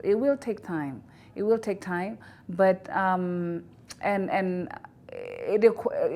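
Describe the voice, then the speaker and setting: In a recorded news interview, an institute director from Indonesia answers questions in an Indonesian accent, her voice lowish and darkish in tone. She's halting, often restarting and using lots of fillers.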